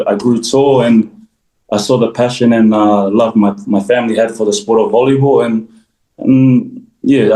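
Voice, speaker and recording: A man's voice: medium pitch, warm tone. Easygoing young man in an echoey room. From New Zealand, raised in Australia. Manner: easygoing, laughs often between sentences. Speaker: guest, volleyball player. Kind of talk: casual interview answers. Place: room at home.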